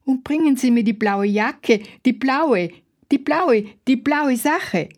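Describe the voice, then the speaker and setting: A woman's voice: high voice, expressive, a little mellow, heavily acted. A woman reading a first-person literary text as a fussy, proud elderly lady in a care home who repeats herself insistently. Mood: fretful. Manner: repetitive, insistent, slow.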